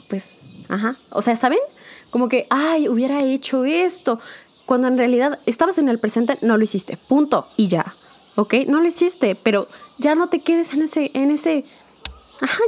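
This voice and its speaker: A woman's voice: a little high, a little mellow. A young woman hosting a casual solo podcast. She talks in a chatty, confiding way, keeps checking in with "¿ok?" and drops in English words now and then. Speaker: podcast host.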